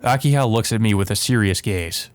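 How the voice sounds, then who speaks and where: Over background music, a man with a lowish voice hosts a let's play, briskly reading visual novel narration aloud and tossing in casual commentary.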